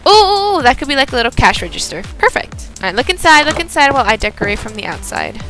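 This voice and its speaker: High-voiced excitable woman gamer. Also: quick pace, faint music behind. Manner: excitable, thinking aloud. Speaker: gaming video host. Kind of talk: casual gameplay commentary while building.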